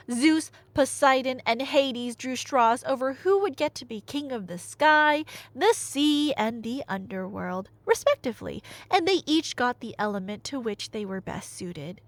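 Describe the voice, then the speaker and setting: In a dry recording, a woman with a slightly high voice tells a casual story as an audio roleplay storyteller voicing a nerdy girlfriend. Her animated, conversational rambling comes with wry asides and rhetorical questions.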